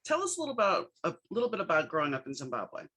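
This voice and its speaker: A woman's voice: fairly low pitch, very animated, racing, a bit bright, slightly rough. A woman hosting a podcast, introducing the show and interviewing a guest in an upbeat manner with some fillers. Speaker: podcast host.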